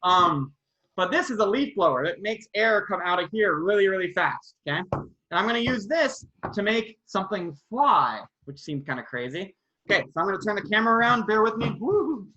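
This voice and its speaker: A playful science presenter talks with children during a live online demo from a roomy indoor room, and the sound echoes. The mid-range voice is expressive and a little fast with a sharp tone, though the high frequencies are cut off.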